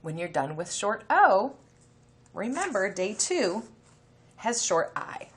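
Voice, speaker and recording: A woman teaching elementary reading uses a sing-song, medium-pitched voice and moves at a slow pace. She explains instructions to the kids, sounds out letters, and reads a passage out loud.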